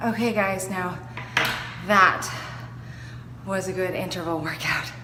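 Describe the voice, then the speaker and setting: A woman's voice: fairly low pitch, normal speed, loud music behind the voice. A woman giving a casual fitness vlog, talking straight to her viewers in an emphatic, step-by-step way. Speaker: fitness vlogger. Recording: noisy, constant vehicle-like background hum.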